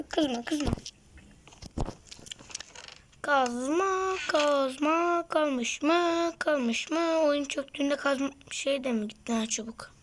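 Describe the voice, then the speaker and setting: A woman's voice: sits high, slight background noise. A woman giving casual gameplay commentary, muttering to herself and often dropping to a whisper. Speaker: gaming streamer.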